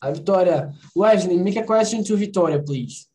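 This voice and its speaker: Brazilian lady english teacher on a video call, lowish voice, mixing english and portuguese, nudging students to talk. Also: normal speed, dark tone. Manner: mixes English and Portuguese, encouraging and corrective. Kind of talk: online conversation class.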